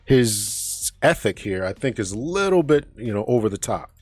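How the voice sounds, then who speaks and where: A man's voice: on the low side, very animated, moderate pace, no room sound, studio quality, soft background music. A man hosting a podcast and reacting to a clip, talking hesitantly, repeating words and checking in with "right?". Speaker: podcast host. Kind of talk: reaction commentary.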